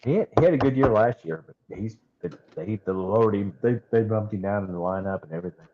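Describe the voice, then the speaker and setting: A man co-hosting a live card break, giving quick, opinionated comments on players. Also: on the low side, lively intonation, lo-fi sound. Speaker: co-host. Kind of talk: casual live stream chat.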